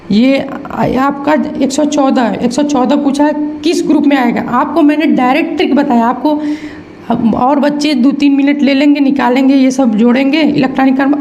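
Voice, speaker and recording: High-voiced woman chanting mnemonics. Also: a little mellow. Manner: sing-song mnemonic chanting, repetitive counting aloud. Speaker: chemistry teacher. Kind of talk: exam-prep lesson. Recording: echoey room with faint hum.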